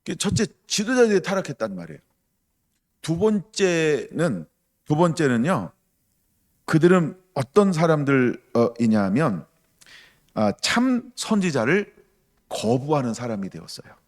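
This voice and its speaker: A man preaching a sermon as pastor, emphatic, asking the congregation questions and acting out quoted voices with loud bursts. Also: on the high side, sing-song, measured pace. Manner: acts out quoted voices with sudden loud outbursts.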